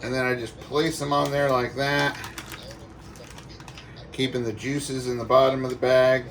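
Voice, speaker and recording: A man's voice: medium pitch, level tone, measured pace, fairly bright tone. A man giving a casual, folksy cooking demonstration in a playful way, as a home cook talking viewers through a recipe. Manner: folksy, playful sound words and exclamations. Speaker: home cook presenting a cook-along. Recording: distant mic, faint background noise.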